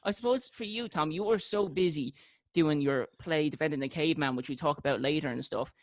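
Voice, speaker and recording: Higher-voiced podcast host. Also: male voice, a little fast, no echo. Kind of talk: casual podcast chat.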